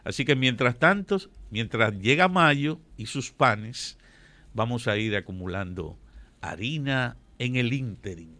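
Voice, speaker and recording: A man giving political commentary on a radio show, measured and prone to correcting himself. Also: mid-range voice, lively intonation, pushed and bright. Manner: measured, digressive, self-correcting.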